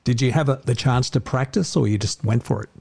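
A man's voice: mid-range voice, a little fast, vocal fry, a little mellow, husky. Australian man interviewing casually, mid-range voice. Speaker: radio interviewer.

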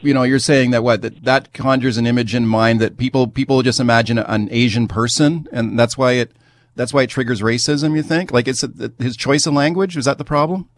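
A man's voice: medium pitch, fairly even intonation, fairly quick, dry recording. A man hosting a radio talk show, questioning his guest in a conversational way, full of hedges and fillers. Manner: conversational, hedging, lots of fillers.

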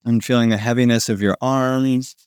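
A man narrating a guided sleep meditation in a slow, soothing manner with long pauses, like a sleep story narrator. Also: mid-range voice, fairly even intonation, a little mellow, smooth, no room sound, clean studio sound. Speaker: podcast host guiding a sleep meditation.

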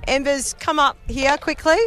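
A woman's voice: high voice, steady tone, normal speed, a bit bright. A woman with an Australian accent co-hosting a live outside radio broadcast, bubbly and laughing often. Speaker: radio co-host.

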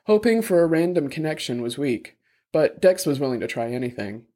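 A man reading a novel chapter aloud as narrator, in steady, wry storytelling. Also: fairly high pitch, a little fast. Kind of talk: scripted audiobook narration.

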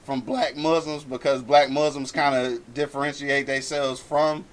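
A man's voice: mid-range voice, level tone, moderate pace. A man talking casually in a group discussion, using informal, profane slang.

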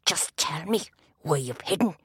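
A woman's voice: deep voice, animated, bright, forceful tone, breathy edge, no echo, studio quality, exaggerated voice. A woman voicing a determined, stubborn little girl who talks firmly and insistently. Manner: firm, insistent, slow and deliberate.

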